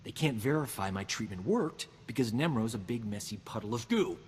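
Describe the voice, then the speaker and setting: A man's voice: mid-range voice, lively intonation, brisk, darkish tone, in a large hall, slight background noise, lightly acted. An actor playing a boastful, roguish male doctor in a video game, talking in a cocky, flippant, self-important way. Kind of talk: video game character dialogue.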